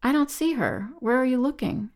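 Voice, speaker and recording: A woman's voice: high-pitched, normal speed, darkish tone, voice pushed up. Woman voicing a smug patronizing man. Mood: panicked. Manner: patronizing, falsely soothing. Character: smug condescending man, turns panicked.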